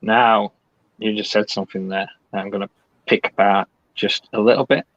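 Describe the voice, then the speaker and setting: A man hosting a podcast interview, asking measured, probing questions. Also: fairly low pitch, steady tone, a bit bright, no echo. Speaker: podcast host. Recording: dry, dull lo-fi sound.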